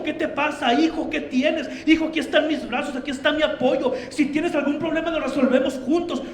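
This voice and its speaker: A man's voice: extremely high pitch, slight background noise. A man preaching a fervent sermon as pastor, often calling his listeners brother, in a church sanctuary. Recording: roomy church echo.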